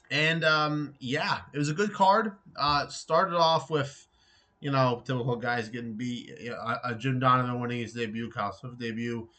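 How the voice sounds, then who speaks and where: A man hosts a casual boxing recap with a bright, forceful voice. He rambles through results, full of ums, uhs and false starts. His pitch sits in an ordinary middle range. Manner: rambling, many fillers and restarts. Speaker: boxing show host.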